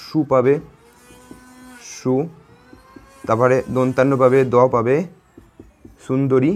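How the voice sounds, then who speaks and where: A quick-speaking man gives a grammar class to young pupils. His voice sits a little high, and he keeps repeating key terms and checking "all right?" as he goes. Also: darkish tone, husky. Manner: repetitive, checks in with "ঠিক আছে?" often. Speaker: teacher. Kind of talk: classroom grammar lesson to children.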